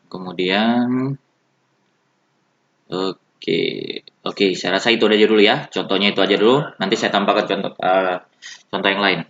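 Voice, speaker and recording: Bright-voiced Indonesian male teacher, roomy. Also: lowish voice. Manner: slow, repeats example words for students. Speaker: English teacher. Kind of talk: recorded classroom lesson. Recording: dull, roomy lo-fi recording.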